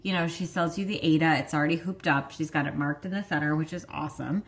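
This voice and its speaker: Chatty woman with a lowish voice. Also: steady tone, quick pace. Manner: chatty, apologetic, laughs often. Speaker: show co-host. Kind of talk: casual chat.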